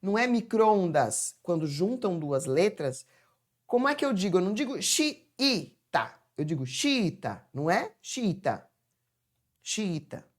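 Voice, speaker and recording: A woman's voice: lowish voice, big pitch swings, normal speed, a little mellow. A woman with a Brazilian Portuguese accent teaching a grammar lesson. She asks herself questions and then answers them with emphasis.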